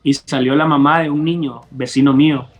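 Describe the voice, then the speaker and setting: Earnest young man, high voice. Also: fairly even intonation, brisk, muffled recording, over loud music. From Honduras. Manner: earnest, repeats words as he restarts. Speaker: youth leader, guest. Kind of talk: testimony and advice in an interview.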